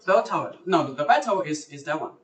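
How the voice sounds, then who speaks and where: A man presenting a live recruitment lecture as host, his voice a little high for a man. He hesitates, fills gaps and corrects himself as he goes. The sound is roomy and comes from some distance off the microphone. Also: animated, fast, a bit bright. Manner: hesitant, with fillers and self-corrections. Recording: roomy sound from far off the mic.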